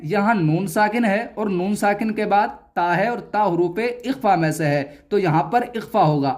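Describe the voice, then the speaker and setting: A man teaching Quran reading in a recorded lesson, patiently spelling out each syllable and repeating it. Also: high-pitched.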